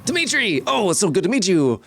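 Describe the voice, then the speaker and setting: A man's voice: high voice, sing-song, fast talker, vocal fry, a bit bright, slight background noise, voice pushed up, heavily acted. A man playing a gushing, overeager carnival barker. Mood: eager. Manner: chirpy, pushy, gushing. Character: overeager male carnival barker, soulless tour guide.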